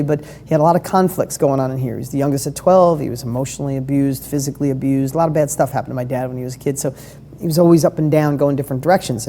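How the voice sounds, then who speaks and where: A woman's voice: sits low, warm tone, slight background noise. A woman coaching a live online training session, talking in an enthusiastic, conversational way and firing questions at her audience. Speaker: business coach. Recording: long hall reverb.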